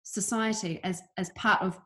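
A woman's voice: mid-range voice, steady tone, moderate pace, pushed and bright. Woman, from New Zealand, campaigner, interview guest, earnest, emphatic.

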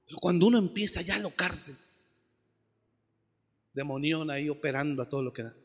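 A man preaching a passionate sermon as pastor, swinging from shouts to soft asides. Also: on the high side, fairly quick, slightly rough, big-room sound.

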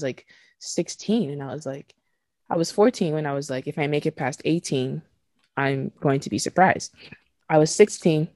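On a candid podcast, a twenty-something host from Nigeria talks openly and with feeling, dropping casual swears and laughing between ideas. Her voice is low-pitched and a little mellow, and the recording is dry.

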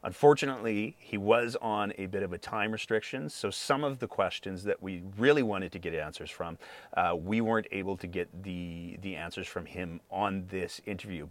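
A man's voice: deep voice, no echo. A man hosting an interview podcast, speaking carefully with many fillers and hedges. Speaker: podcast host. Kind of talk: interview podcast, scripted intro.

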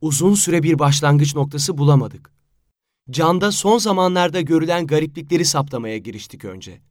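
A man narrating a story in a steady, storytelling manner. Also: on the high side, normal speed, no echo, clean studio sound. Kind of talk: audiobook narration. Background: faint music.

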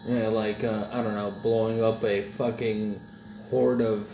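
A man's voice: lowish voice, level tone, a little slow, lo-fi sound. A man in casual, crude podcast banter who laughs often. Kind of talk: casual chat. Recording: echoey room, faint noise.

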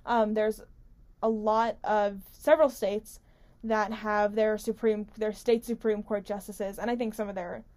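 A woman's voice: mid-range voice, flat delivery, unhurried, darkish tone. A woman hosting a talk radio show, giving casual, unscripted political commentary in a rambling, conversational way with emphatic stresses and frequent self-interruption. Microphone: studio-style microphone pulled close, with squeaky stand.

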